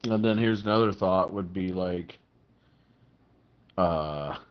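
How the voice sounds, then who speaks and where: Over a two-way radio app or handset, a low-pitched man talks slowly, chatting casually as a radio operator and hesitating as he thinks aloud. The audio is muffled and narrow, typical of walkie-talkie transmission.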